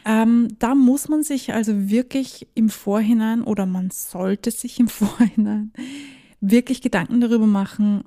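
Speaking at a medium pitch with a warm tone, a podcast host whose first language is German talks casually on her own. She is chatty, sometimes laughs, and mixes in English phrases.

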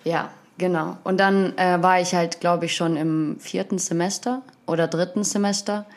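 A woman's voice: lowish voice, fairly even intonation, normal speed. A woman in her twenties from Ukraine, a dancer chatting casually as a guest and laughing often. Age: 20s. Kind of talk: casual conversation.

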